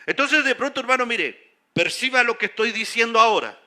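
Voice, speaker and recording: A male pastor delivers an emphatic sermon in a church, speaking in a high, piercing register. His tone is very bright and edged. He keeps turning to the congregation with rhetorical questions. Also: lively intonation, brisk. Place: church sanctuary.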